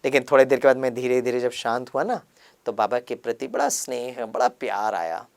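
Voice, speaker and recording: A man's voice: medium pitch, fairly quick, gravelly. A man giving a sermon as a story, acting out dialogue and dropping English words into his talk. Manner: acts out dialogue in lively voices; mixes English words into Hindi. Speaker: spiritual speaker.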